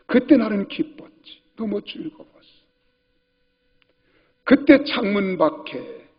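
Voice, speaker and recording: A man voicing a gentle, loving old father of eighty-three, soft and half-whispered, in a reverberant church hall with dull sound. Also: a little high, slightly rough, heavily acted.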